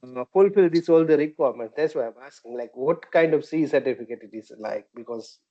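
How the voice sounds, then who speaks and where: An attendee asks detailed follow-up questions over a video call. They search for words as they talk, filling pauses with "like" and "uh", and their tone is mellow and dark. The call audio is dull and lo-fi. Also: mid-range voice. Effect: heard over a video call. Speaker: audience member asking questions. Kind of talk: questioning in a meeting.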